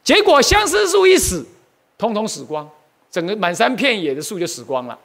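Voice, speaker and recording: Lively, high-voiced monk lecturing. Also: male voice, normal speed, vocal fry. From Taiwan. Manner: animated, asks the audience questions, exclaims often. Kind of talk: Buddhist history lecture.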